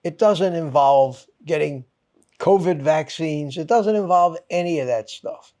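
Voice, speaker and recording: With a dark tone on the higher side and a measured pace, a man runs his own channel and rants at viewers. He speaks in short, punchy, exasperated lines, swears for emphasis, and has a mild head cold.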